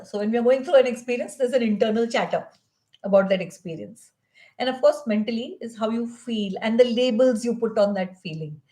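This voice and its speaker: A woman's voice: on the high side, darkish tone. A woman giving a reflective spoken teaching on meditation, asking many rhetorical questions. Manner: reflective, asks rhetorical questions, mixes in Hindi phrases.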